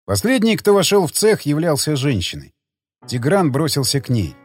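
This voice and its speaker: A man narrating an audiobook in an expressive, dramatic reading. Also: a little high, normal speed, slightly rough, soft background music.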